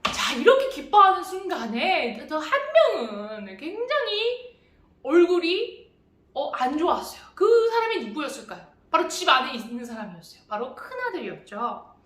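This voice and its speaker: A woman's voice: sits high, very animated, normal speed, fairly bright tone. A woman preaching to children in a church, telling the story expressively and asking them questions. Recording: echoey church hall.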